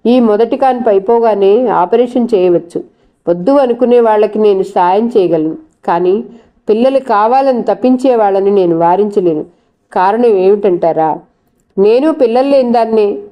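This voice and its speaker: A woman voicing a sympathetic woman doctor who is calm and persuasive. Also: medium pitch, lo-fi sound, lightly acted. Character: sympathetic childless woman doctor, gently firm.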